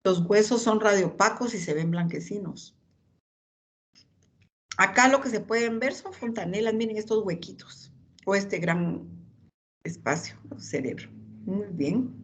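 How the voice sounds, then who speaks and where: A woman's voice: medium pitch, expressive, a little slow, pauses often. A woman lecturing anatomy, pointing out images and calling on students by name.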